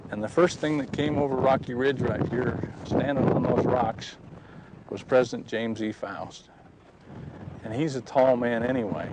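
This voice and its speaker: Man, earnest storyteller, outdoors, light wind noise on the mic. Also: medium pitch. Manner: earnest, acts out dialogue as he tells it. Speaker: storyteller at a historic site. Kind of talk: personal faith testimony. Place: outdoors on a ridge.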